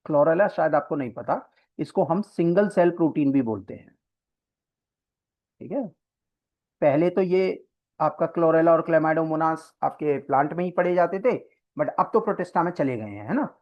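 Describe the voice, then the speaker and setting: Teacher explaining step by step, slightly muffled. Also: mid-range voice. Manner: explains step by step, keeps checking in with "right?"; mixes English terms into Hindi explanation. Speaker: coaching teacher. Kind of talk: exam-prep biology lecture. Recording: slightly dull lo-fi lecture recording.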